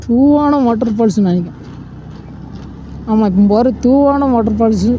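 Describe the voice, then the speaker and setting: A man's voice: very high voice, normal speed, lo-fi sound, slight background noise. A man with a Tamil accent, chatting casually to his viewers as a travel vlogger while out on a hill road. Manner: chatty, addresses viewers politely. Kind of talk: casual ride commentary.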